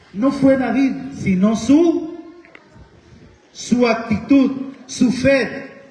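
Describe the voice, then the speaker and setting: Honduran male preacher, very high voice, slow, questioning, echoey church room. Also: a little mellow. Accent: Honduran Spanish. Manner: asks the congregation questions, tells personal stories. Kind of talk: sermon. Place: church hall.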